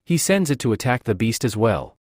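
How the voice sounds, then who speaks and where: A man's voice: mid-range voice, sing-song, a little fast, a little mellow, no echo. Man narrating a comic recap, dry sound.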